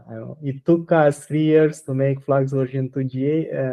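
Man, guest developer, hesitant, halting restarts, blunt answers, mid pitch. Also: dark tone, lo-fi sound. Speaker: guest software maintainer. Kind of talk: technical interview.

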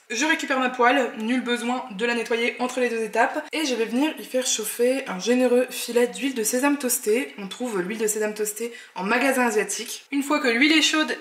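Cooking host lady, upbeat explaining voice, kinda high, echoey room. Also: fairly quick, few pauses, a bit bright. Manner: friendly, explanatory, gives tips. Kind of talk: recipe voice-over narration. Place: home kitchen. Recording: roomy echo, faint noise.

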